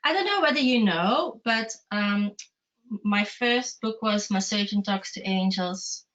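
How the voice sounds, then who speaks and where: A non-native English speaker with a medium-pitched, fairly bright voice talks a little slowly, chatting casually and poking fun at herself as an interview host. It's a casual online conversation over a remote video call, with dull, lo-fi call audio.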